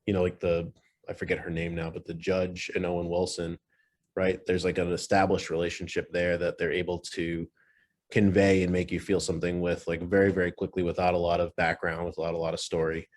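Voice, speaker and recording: A man's voice: sits low, monotone, fairly quick. A man co-hosting a podcast, rambling in a casual chat and often restarting his sentences. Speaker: podcast co-host.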